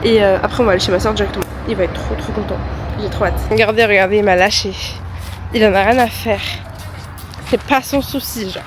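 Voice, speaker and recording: Her voice is a little high, and there's background noise plus music playing as she talks. She's a young vlogger nursing a head cold, chatting casually and cheerfully to her phone camera, full of slang.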